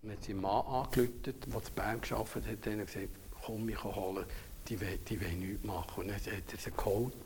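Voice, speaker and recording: An older man with a Swiss German accent preaching a sermon, telling a personal story earnestly and often sinking to a hushed near-whisper. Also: on the low side, steady tone, fast talker, a little hiss or hum.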